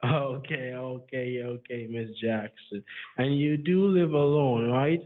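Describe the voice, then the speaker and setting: A man with a Jamaican accent, pitching slowly and deliberately over a landline phone. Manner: slow, deliberate salesman pitch. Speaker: scam caller. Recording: tinny phone line.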